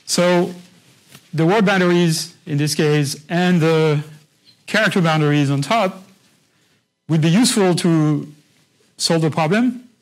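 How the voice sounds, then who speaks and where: A man's voice: a little high, a little slow, pauses often, poor audio. A man lecturing a university class, explaining patiently in a conversational way and often checking in with his listeners. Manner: conversational, with frequent restarts.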